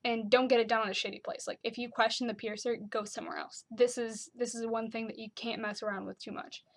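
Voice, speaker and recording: A woman's voice: on the high side, flat delivery, fast. A young woman chatting casually to her camera, with lots of "like" and "um" fillers. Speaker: vlogger.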